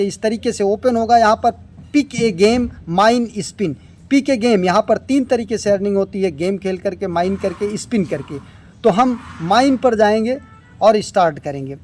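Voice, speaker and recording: A man with a notably high voice for a man leads a screen-recorded app tutorial. He explains each tap and step in an instructive way, with English technical words dropped in. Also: a little mellow. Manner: step-by-step instructive, mixing English terms into Hindi. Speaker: crypto earning tutorial host.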